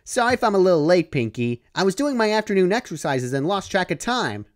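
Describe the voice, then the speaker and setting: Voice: mid-range voice, sing-song, a little fast, pitched above the performer's own voice, close to an everyday voice. A narrator voicing a brash young female pegasus who talks in a casual, slangy, offhand way. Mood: apologetic.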